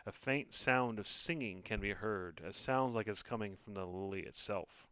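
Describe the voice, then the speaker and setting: A man's voice: lowish voice, moderate pace, pushed and bright, smooth, no echo. A man narrating a tabletop role-playing game as the game master, describing scenes and prompting players.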